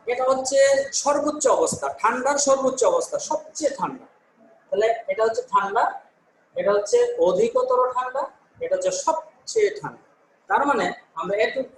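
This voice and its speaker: A man's voice: very high voice, reverberant, slight background noise, rough recording. A male teacher from Bangladesh giving an online class, explaining step by step, answering his own questions and correcting himself with "sorry". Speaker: English teacher.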